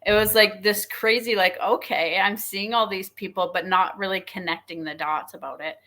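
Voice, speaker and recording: A woman guest telling a deeply personal story in earnest, with frequent fillers. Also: steady tone, normal speed, sharp tone.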